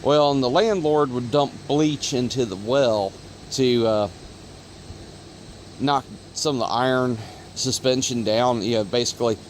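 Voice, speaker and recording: A man's voice: mid-range voice, measured pace. Guy from ohio rambling into his phone outside, lots of uhs, little hum in the back. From Ohio, USA. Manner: rambling, many fillers and self-corrections. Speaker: auto parts video host. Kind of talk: casual rambling explanation to camera. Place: outdoors in sunlight. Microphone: phone recording.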